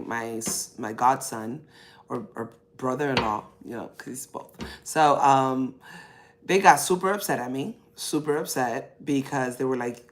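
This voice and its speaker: A woman hosting a podcast, telling a personal story in a chatty, animated way and acting out the voices of the people she quotes. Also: on the low side. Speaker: podcast host. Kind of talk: casual storytelling.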